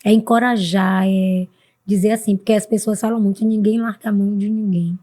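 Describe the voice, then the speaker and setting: Earnest Brazilian woman with a mellow voice. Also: fairly even intonation, a little fast. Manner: earnest, with sudden high-pitched bursts when quoting others. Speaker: podcast guest, mentor for women. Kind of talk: casual interview talk.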